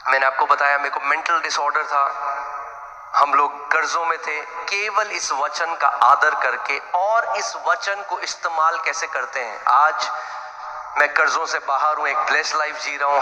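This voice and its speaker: Pastor guy preaching, super bright sharp voice, booming hall echo, blunt and straight-talking. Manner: blunt, direct, calls out to the congregation. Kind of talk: sermon. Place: church hall. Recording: echoey hall, long reverb.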